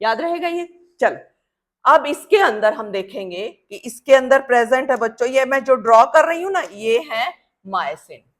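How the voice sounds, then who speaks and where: A woman teaching a biology lesson while drawing. She keeps quizzing her students and answers her own questions, and she slows right down to drill key terms. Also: fairly high pitch. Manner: drills terms slowly and repeats them.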